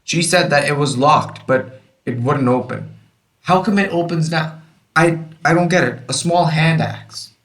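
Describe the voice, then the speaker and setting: A man's voice: on the high side, a little slow, fairly bright tone. A young man rambling through a horror game, baffled, reading game text aloud as he plays. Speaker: let's play host. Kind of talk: casual gameplay commentary. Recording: distant mic with faint noise.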